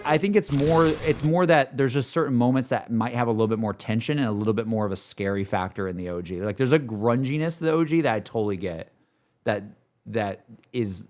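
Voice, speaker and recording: With slight background noise and music playing, a medium-pitched male streamer comments on game cutscenes. His reactions are casual and slangy, and he keeps hedging what he thinks.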